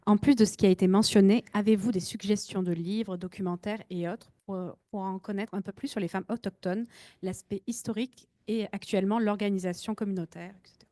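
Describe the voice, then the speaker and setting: A woman's voice: mid-range voice, steady tone, a little fast, dark tone, no room sound, clean studio sound. A woman with a non-native French accent, politely asking questions from the audience. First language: not French. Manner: polite, apologetic, reading out questions.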